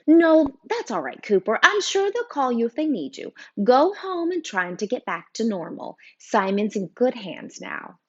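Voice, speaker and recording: A woman voicing a fussy, flustered older woman teacher in an audiobook, in a breathy, fluttery manner. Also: on the high side, sing-song, measured pace, hardly any pauses, highs cut off, voice pushed up, full character voice.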